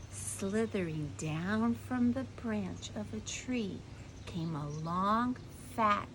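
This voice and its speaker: Over some background noise, a woman with a mid-range voice reads a children's story aloud. She keeps it playful, drawing out the dramatic words and putting questions to the listener.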